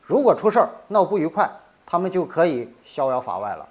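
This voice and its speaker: A man's voice: on the high side, very animated, a little fast. A middle-aged man hosting a legal commentary, delivering a scripted monologue with indignant rhetorical questions.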